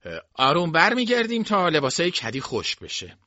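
A man's voice: a little high, wildly swooping pitch, sharp tone, no echo, muffled recording, pitched above the performer's own voice, full character voice. A man doing a bossy older boy scolding.

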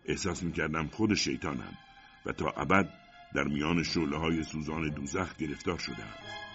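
Deep-voiced male audiobook narrator. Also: music in the background. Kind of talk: first-person audiobook narration. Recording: dull lo-fi audiobook recording.

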